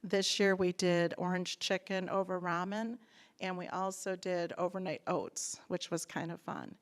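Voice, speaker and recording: A woman's voice: on the low side, fairly even intonation, measured pace, clean tone. A woman presenting a report on school meals to a school board and taking questions, in a conversational tone. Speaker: school food service director.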